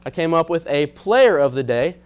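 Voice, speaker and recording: A man's voice: on the high side, lively intonation, normal speed, clean tone. A young American man presenting sports on a student newscast in a conversational, colloquial style. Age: young adult. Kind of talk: conversational sports news delivery.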